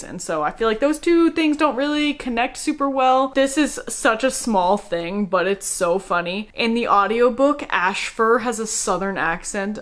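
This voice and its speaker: Young adult woman, casual book-review vlogger, chatty and excitable, mid-pitched voice. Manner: chatty and enthusiastic, laughs at herself.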